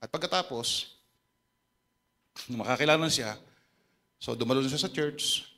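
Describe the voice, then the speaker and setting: A man with a Filipino accent preaching a sermon, telling a story dramatically and dropping to a hush for quoted lines. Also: mid-range voice.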